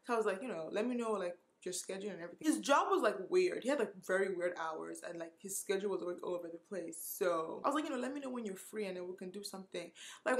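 A woman in her twenties from Nigeria telling a candid storytime vlog about dating, emotional and close to tears, with lots of fillers and swearing. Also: medium pitch. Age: 20s. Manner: candid, emotional, heavy use of "like" and cursing. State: tearful, close to crying. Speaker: vlogger.

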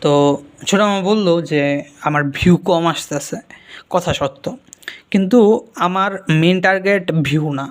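A young man, giving earnest, casual vlog advice and talking quietly to his viewers. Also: sits high, moderate pace, long pauses. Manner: earnest, talks straight to viewers; speaks quietly at night. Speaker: YouTuber.

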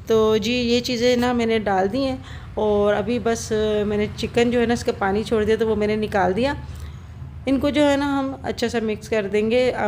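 A middle-aged cooking vlogger chats casually while cooking in her home kitchen, later moving to a rooftop, explaining each step with lots of fillers. Her voice is on the high side and slightly mellow, with a bit of hiss or hum in the audio.

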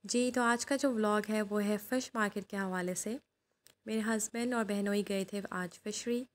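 Steady-voiced woman vlogger. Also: medium pitch, normal speed. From Pakistan. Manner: chatty, instructive, steady. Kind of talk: voice-over narration.

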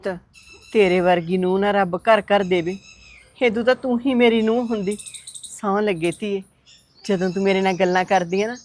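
A woman's voice: medium pitch, lightly acted. A woman playing a frail old mother-in-law who pleads and complains in a sighing voice in an amateur short film.

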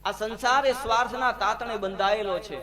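High-voiced folksy katha preacher. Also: male voice, steady tone, crowd noise. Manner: folksy, narrates with quoted dialogue, slow emphatic lines. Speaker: katha storyteller. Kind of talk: devotional sermon with storytelling. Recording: live gathering with audience audible behind.

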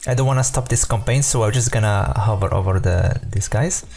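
In this relaxed screen-recorded tutorial, a mellow-voiced man with a fairly low, creaky voice explains software a little quickly. Soft music plays behind him, and he rambles informally with lots of fillers and corrections of himself.

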